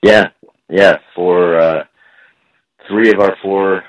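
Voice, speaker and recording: A man being interviewed as a guest coach, heard over a phone line and building his answers slowly with many pauses. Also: low-pitched, steady tone. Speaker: guest strength and conditioning coach.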